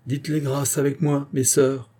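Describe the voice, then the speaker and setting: A man's voice: mid-range voice, little pitch movement, unhurried, warm tone, slightly rough, pitched above the performer's own voice. A man voicing a jovial country priest with a teasing, bantering manner. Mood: mocking.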